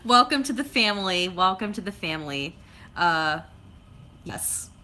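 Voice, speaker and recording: Bright-voiced young woman chatting on a livestream. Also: on the low side, expressive, unhurried, a little hiss or hum. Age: 20s. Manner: chatty and rambling, full of fillers and playful sound effects. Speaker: YouTuber reading live chat. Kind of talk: casual livestream chat.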